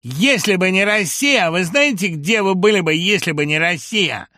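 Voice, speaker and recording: A man voicing an aggressive, belligerent man who shouts and hectors people. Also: high-pitched, animated, moderate pace, no echo, studio quality, pitched above the performer's own voice. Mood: hectoring.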